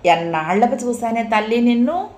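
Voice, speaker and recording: A woman voicing a melodramatic, wailing old mother, with a high, crying voice in a roomy-sounding recording. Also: lively intonation, moderate pace, a little mellow, lightly acted. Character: old blind mother, tearful and overjoyed. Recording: roomy echo.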